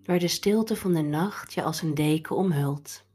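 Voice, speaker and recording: Over soft instrumental music, a woman leads a meditation at a very slow pace. Her voice sits on the low side and is breathy, with a soft, soothing delivery.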